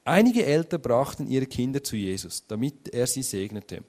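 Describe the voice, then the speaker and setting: A man's voice: mid-range voice, very animated, moderate pace, a little mellow. A man preaching a sermon in a conversational way, often adding tag questions and acting out quoted speech.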